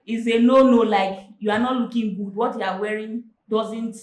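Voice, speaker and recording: A woman's voice: a little high, fairly even intonation, moderate pace, a little mellow. A woman on a TV talk panel, emphatic and giving advice with quoted examples. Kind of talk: casual panel discussion. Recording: roomy studio echo.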